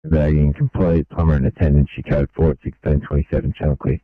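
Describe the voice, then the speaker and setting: A low-voiced man speaks over a two-way radio as an emergency dispatcher. He reads back each message slowly and evenly in clipped radio procedure. The transmission sounds dull and lo-fi. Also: steady tone, dry recording. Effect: heard over a two-way radio.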